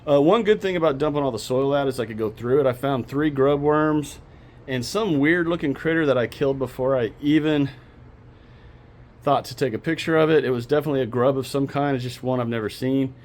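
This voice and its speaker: A man runs a casual home gardening vlog from his backyard, later moving indoors, chatting practically and addressing viewers directly. His mid-range voice is a little mellow and a little fast.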